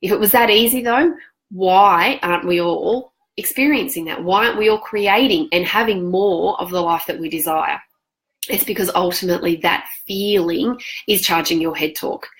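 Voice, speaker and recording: A woman, a self-help author and coach, speaking straight to camera in an earnest, measured way and often asking the viewer rhetorical questions. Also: fairly low pitch, rough recording. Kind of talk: direct-to-camera motivational talk.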